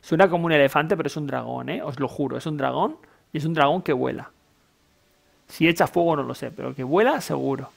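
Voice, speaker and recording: Creaky-voiced Castilian Spanish man commenting on games. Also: a little high, brisk. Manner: colloquial, informal, thinking aloud. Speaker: video game player and commentator. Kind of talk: casual gameplay commentary. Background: game music.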